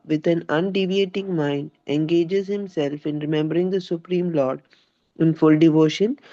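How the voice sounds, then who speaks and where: A woman's voice: low-pitched, warm tone, highs cut off. A woman with an Indian accent reading and reciting scripture aloud as a class participant.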